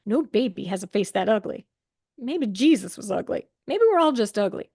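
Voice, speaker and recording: A woman's voice: medium pitch, expressive, moderate pace, creaky, a little mellow, slightly rough, no echo. A woman playing a gloomy, blunt young female writer with a Southern accent, reading an improvised script. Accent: American Southern. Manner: blunt, dry, contrary. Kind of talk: improvised role-play reading.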